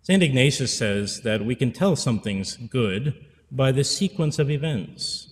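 A priest in his forties preaches an earnest pastoral sermon in a church sanctuary, repeating phrases for emphasis into a pulpit stand mic. His mid-range voice is animated yet measured in pace, followed by a long reverb tail.

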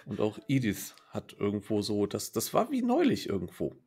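A man narrating as game master in a tabletop role-playing game over a video call, often pausing to search for words. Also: lowish voice, wildly swooping pitch, darkish tone, breathy edge.

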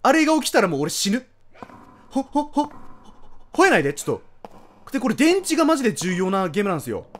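A man commentating a horror game let's play, jumpy, yelping and shouting at the scares and talking back to the screen. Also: high voice, huge pitch swings, very fast. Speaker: game streamer.

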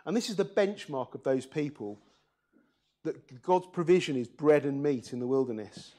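A man's voice: fairly high pitch, moderate pace, mellow. A man preaching a church sermon, reading scripture aloud and putting earnest questions to the congregation.

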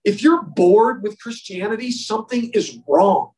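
A man's voice: high-pitched, expressive, unhurried, a little mellow, far from the mic. A man leading an informal Bible lesson for a men's group, talking emphatically and repeating words for stress. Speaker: men's Bible study leader. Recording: roomy sound from away from the mic.

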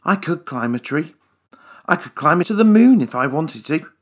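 A woman voicing a small, boastful male mouse who stubbornly insists he is a tiger, in a low, husky storybook voice. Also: animated, normal speed. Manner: stubborn, proud declarations.

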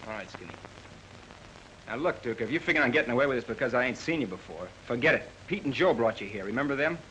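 An actor playing a menacing, wisecracking gangster boss in slangy 1940s screwball comedy banter, on an old film soundtrack. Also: male voice, mid-range voice, animated, quick pace, bright, forceful tone, a little hiss or hum, poor audio. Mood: threatening.

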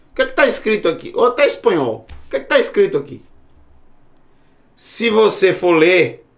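A man teaching a recorded Bible Hebrew lesson, explaining slowly, repeating words and checking in with the class. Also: sits high.

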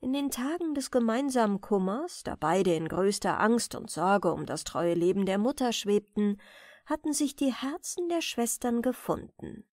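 A woman reading a fairy tale aloud as a soothing bedtime story, in a gentle, expressive manner. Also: a little high, normal speed, no room sound, studio quality. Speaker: audiobook reader.

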